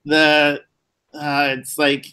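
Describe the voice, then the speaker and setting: A man's voice: fairly high pitch, monotone, drawn-out words, bright, forceful tone, clear, resonant tone, no echo. A man hosting a casual live stream over a video call, talking in an easygoing way with fillers and restarts. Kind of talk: casual chat.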